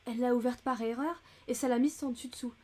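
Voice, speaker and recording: A woman's voice: a little high, steady tone, quick pace, a little mellow, natural voice. A woman reading as a fussy, chatty older American lady. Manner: chatty and indignant. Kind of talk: audiobook character reading.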